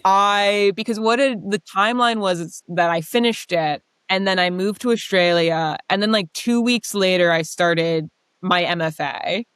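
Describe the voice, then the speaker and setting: A woman's voice: medium pitch, normal speed, fairly bright tone, clean tone, dry recording. A woman telling her story as an interview guest in a casual, chatty, self-deprecating way, saying "like" often.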